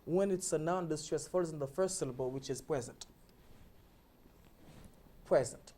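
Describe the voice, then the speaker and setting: Haitian lady w a low voice teaching english sounds on tv, keeps asking ok?. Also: fairly quick, mellow. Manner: mixes Haitian Creole, French and English, explains patiently with repeated "ok?". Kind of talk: teaching on a TV talk show.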